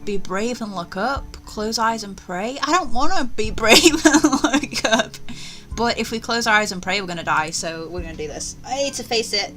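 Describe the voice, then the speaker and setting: A woman presents a gaming video, theatrically reading a story with relaxed commentary mixed in. She speaks at a normal speed in a fairly high, slightly bright voice over faint background music.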